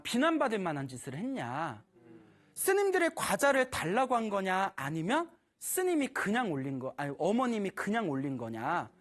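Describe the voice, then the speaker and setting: A Buddhist preacher telling a temple story in a lively, animated way, laughing often while speaking to an audience. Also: mid-range voice. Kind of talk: storytelling dharma talk.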